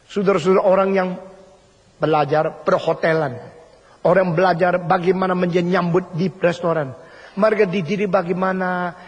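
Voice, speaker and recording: An older man preaches emphatically, driving his points home by repeating phrases. His voice is high and husky. The hall around him rings with a long reverb. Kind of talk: sermon.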